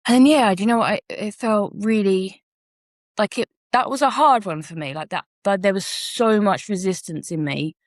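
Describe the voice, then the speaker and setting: A woman's voice: mid-range voice, moderate pace, no echo, studio quality. A woman co-hosting a podcast, telling a personal story frankly and reflectively and swearing casually. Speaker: podcast co-host.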